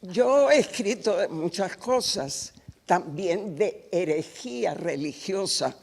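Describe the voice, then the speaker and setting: Slow husky older woman storyteller. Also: on the low side, expressive, darkish tone. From Cuba. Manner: wry, unhurried storytelling. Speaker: guest author. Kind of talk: public talk at a workshop. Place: university auditorium.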